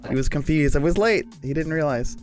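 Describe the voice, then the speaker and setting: A man playing a tabletop game, casually narrating his character's actions in a giggly, animated way. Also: on the high side, a little fast, soft background music.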